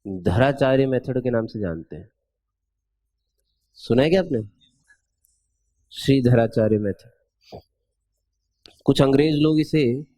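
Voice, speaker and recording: Playful man teaching math, dark tone. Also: mid-range voice, dry recording. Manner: playful, asks students rhetorical questions, drags out formulas slowly. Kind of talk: chatty classroom lecture.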